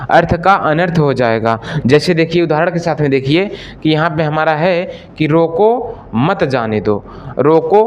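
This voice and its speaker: A male Hindi teacher giving an exam-prep lesson, repeating each question to the class and then answering it himself, and addressing listeners as friends. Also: fairly high pitch. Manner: stretches out example sentences slowly.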